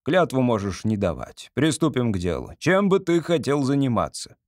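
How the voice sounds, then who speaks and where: A man's voice: mid-range voice, sing-song, normal speed, no echo, lightly acted. A bossy judge who barks orders and lectures his examinee, put on by a man reading a comic audiobook. The voice is raised and commanding, close and dry. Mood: stern. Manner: barking orders. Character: stern barking male court chairman.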